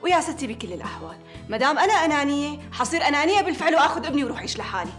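Brief: a rapid-fire, high-voiced Syrian widow standing her ground. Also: very animated, a bit bright, soft background music. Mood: defiant. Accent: Syrian Arabic. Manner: argumentative, defiant. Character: young widow, defiant and sharp-tongued.

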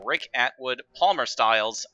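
Bright-voiced casual race commentator man. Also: mid-range voice, a little slow, muffled recording. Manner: relaxed, chatty, joking asides. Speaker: race commentator and stream host. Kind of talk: casual sim racing play-by-play.

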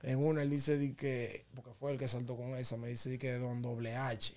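A man's voice: mid-range voice, moderate pace. A man with a Dominican Spanish accent, telling stories as a guest in a casual podcast chat. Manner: storytelling, animated when laughing with the hosts. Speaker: guest rapper.

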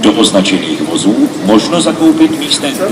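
A man makes a formal, scripted station announcement at a measured, official register. His fairly low voice arrives from a distance with clear echo. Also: sing-song. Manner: formal, measured reading of train information. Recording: noisy echoing station loudspeaker from far off.

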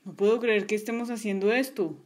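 A woman voicing a tired, skeptical male police officer in a toy story, talking low and doubtfully. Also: fairly even intonation, a little fast, a little mellow, lightly acted. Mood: weary.

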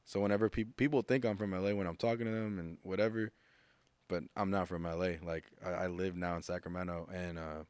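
An American man in his thirties, guesting as a music producer on a studio podcast, speaks fairly quickly in a low, darkish, smooth voice with a steady tone. The studio mic with headphones gives an echo-free sound. He's relaxed and rambling, restarting often and acting out quotes in casual conversation.

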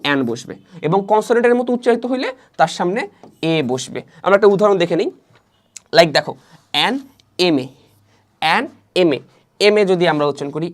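A man teaching an English grammar lesson, repeating each rule and asking his students questions he then answers himself. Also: fairly high pitch. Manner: fast, repetitive, asks the students questions and answers them himself. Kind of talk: online lesson explaining grammar.

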